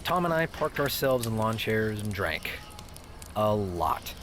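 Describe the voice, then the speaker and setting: Narrating a first-person audio drama and speaking its dialogue, a man plays the lead: a grown grandson who is uneasy, relieved, and reluctant with his family. His fairly low voice is sing-song, a little slow, and hesitant, with a reflective mood. A music bed sits under the voice, along with background noise.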